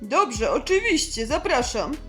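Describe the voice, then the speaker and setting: A woman voicing a calm, reassuring male hospital doctor who speaks slowly and steadily. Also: high voice, soft background music, pitched below the performer's own voice, exaggerated voice. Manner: slow, steady, soothing.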